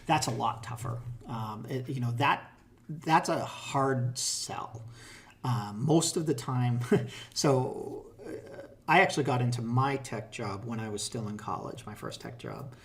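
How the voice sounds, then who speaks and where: A middle-aged man with a Boston accent, a tech hiring manager, giving advice in a relaxed, casual interview with plenty of fillers and restarts. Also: mid-range voice, a little slow.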